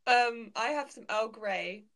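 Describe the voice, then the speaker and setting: Earnest, soft-spoken young woman podcaster. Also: on the high side, takes it slowly. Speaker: podcast co-host. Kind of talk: casual chat.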